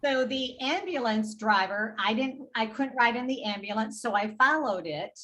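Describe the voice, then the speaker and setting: A woman's voice: a little high, animated, normal speed, bright, forceful tone, rough recording. A woman, a patient advocate guest on a podcast, retelling a tense hospital episode with indignation and acting out both sides of the dialogue. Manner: indignant, recounts exchanges in quoted dialogue. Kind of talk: podcast storytelling.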